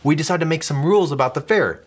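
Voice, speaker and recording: A man's voice: on the high side, quick pace, slightly rough. A man hosting a children's show, upbeat and explaining things in scripted dialogue. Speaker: kids' show host.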